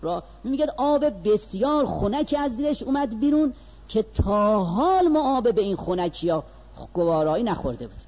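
A man preaching in a storytelling lecture, his voice sitting high and leaping up and down as he narrates. He lingers on slow, weighted phrases and then rushes through asides. The sound is dull and lo-fi. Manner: animated, swings between slow stressed phrases and quick asides. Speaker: religious lecturer.

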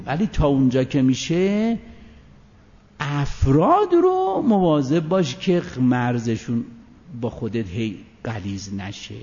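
A man giving a religious lecture on Quranic verses, animated, asking rhetorical questions and swinging between loud and soft delivery. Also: mid-range voice. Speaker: preacher. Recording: dull sound with long hall reverb.

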